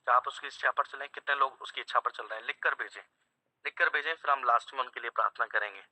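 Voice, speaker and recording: A man's voice: mid-range voice, fast talker, bright, forceful tone, dry recording, poor audio. A man preaching a sermon to an online house church over a video call, emphatic, repeating phrases and quizzing his listeners.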